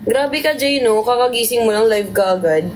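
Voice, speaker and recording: A woman's voice: on the high side, normal speed, a little mellow, slight background noise. A woman co-hosting a casual livestream, teasing and questioning her partner. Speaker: livestream co-host.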